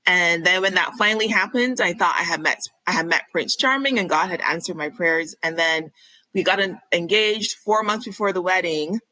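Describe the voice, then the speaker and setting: Lower-voiced bright woman from Barbados. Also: moderate pace, no room sound, poor audio. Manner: clear, explanatory and candid. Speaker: physician guest. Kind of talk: conversational podcast interview.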